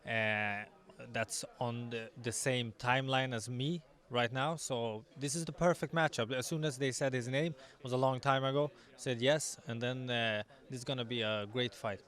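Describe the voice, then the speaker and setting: A confident young man, an MMA fighter giving a sports interview in halting English with repeated words. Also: mid-range voice, steady tone, a bit bright. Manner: confident, self-assured. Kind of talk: post weigh-in sports interview.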